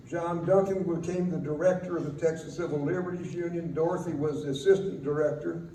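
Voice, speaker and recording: An older man gives a fond, wry eulogy, reminiscing in a halting, faltering way with pauses. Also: fairly high pitch, warm tone. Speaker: eulogy speaker. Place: speaking at a memorial gathering in a room. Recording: roomy, distant mic, faint noise.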